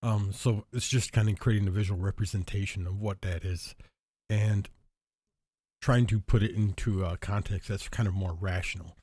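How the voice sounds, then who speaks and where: A show host with a deep, husky, worn-out voice, hoarse and a bit stuffy after being ill, talks casually to his viewers alone. He rambles and thinks aloud, circling back, restarting and filling pauses with "uh" and "um." His tone is mellow and steady, recorded dry and close with no echo.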